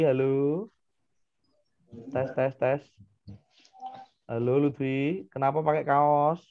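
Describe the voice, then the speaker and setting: A man, a primary school teacher giving an online class to children, animated and acting out parents and kids. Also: medium pitch, dry recording, phone-quality sound.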